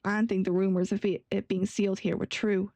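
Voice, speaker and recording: A woman's voice: mid-range voice, little pitch movement, fairly quick, dark tone, dry recording, pitched below the performer's own voice, lightly acted. Woman doing nervous young Southern lantern-keeper boy. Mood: earnest. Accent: Southern US put on. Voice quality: reading aloud with stumbles.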